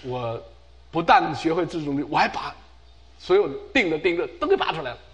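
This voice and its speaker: A man's voice: on the high side, lively intonation, fairly quick, lightly acted. A man voicing a young son eagerly telling his father he has learned self-control, in a sermon story.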